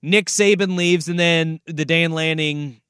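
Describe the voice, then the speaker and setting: A man's voice: fairly high pitch, steady tone, measured pace, sharp tone, clear, resonant tone, no room sound, studio quality. A man hosting a casual sports talk radio show, conversational and given to repeating phrases for emphasis. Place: radio studio.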